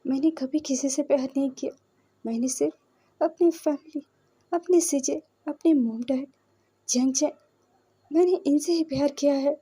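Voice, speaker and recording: Woman voicing a breathy, high-voiced teenage boy. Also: takes it slowly, long pauses, warm tone, heavily acted. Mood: fearful. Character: frightened, defiant sixteen-year-old boy.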